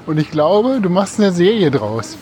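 A man's voice: high voice, very animated, normal speed, warm tone. A man co-hosting a casual podcast, chatting while walking outdoors along a city street. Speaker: podcast co-host. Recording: faint street and traffic noise behind.

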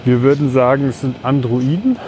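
A man's voice: mid-range voice, fairly quick. A man with a mid-range voice chats as a podcast co-host while walking. His explanations ramble and correct themselves, with light outdoor noise behind him. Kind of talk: casual chat while walking. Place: outdoors on a city route beside railway tracks. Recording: outdoor ambient noise, passing vehicles.

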